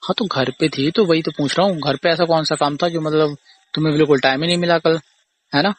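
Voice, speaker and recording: This one is a young man with a slightly high, fairly even voice and a brisk delivery. He's a boyfriend or husband in a casual argument over the phone, recorded as he keeps repeating his accusations in an aggrieved tone.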